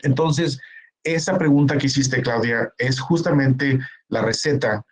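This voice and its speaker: A man's voice: mid-range voice, measured pace, slightly rough, poor audio. A man, giving a conference talk in an earnest, explanatory way, often stopping to act out what parents say. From Mexico. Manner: earnest, explanatory, acts out parents and relatives in quoted asides. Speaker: keynote speaker. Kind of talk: conference talk, answering a question.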